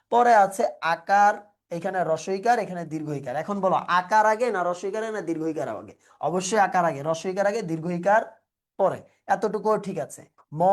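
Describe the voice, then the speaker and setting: A woman teaching an exam-prep lesson, asking questions and answering them herself step by step. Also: mid-range voice. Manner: explains step by step, asks and answers own questions.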